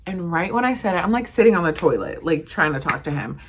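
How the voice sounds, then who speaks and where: A young woman in her twenties, chatting casually to camera as a vlogger, animated and full of fillers as she acts out what everyone said. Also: on the low side, fast talker, breathy edge. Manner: animated, lots of fillers and acted-out quotes.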